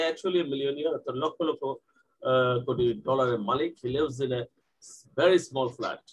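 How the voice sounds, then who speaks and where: A man teaching English grammar in Bengali, asking questions and answering them himself, and reading English example sentences slowly. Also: a little high, fairly bright tone, poor audio.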